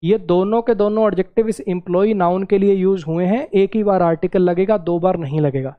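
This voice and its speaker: A man teaching English grammar to exam students, explaining step by step, repeating words slowly and asking the class questions. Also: sits high, phone-quality sound.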